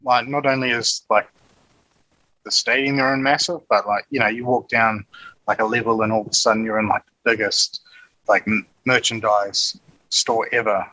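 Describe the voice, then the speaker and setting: A man's voice: lowish voice, fairly even intonation, normal speed, bright, forceful tone, no echo, poor audio. A man with a broad New Zealand accent chatting casually and telling stories in slangy, sweary, matey language. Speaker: podcast guest. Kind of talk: casual chat, storytelling.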